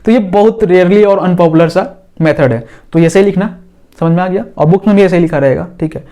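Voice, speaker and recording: A male physics teacher talks a class through a lesson in a high, easy voice. He draws on the board as he explains. He often pauses to check that everyone understands. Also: warm tone. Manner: talks while drawing on a board.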